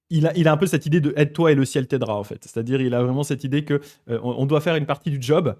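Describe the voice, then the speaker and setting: A man with an ordinary mid-range voice teaches on a live stream, explaining ideas in a loose, conversational way. He pauses and restarts often as he thinks aloud, and he slows down to read passages before discussing them. His delivery sounds like an informal study group rather than a formal lecture. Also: medium pitch. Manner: relaxed, explanatory, chatty with frequent hesitations; reads passages aloud slowly, then comments. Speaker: Buddhist teacher.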